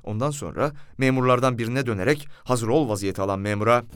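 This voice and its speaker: A man's voice: medium pitch, fast talker, faint music behind. A man reading a first-person novel aloud as an audiobook, telling the story expressively. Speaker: audiobook reader.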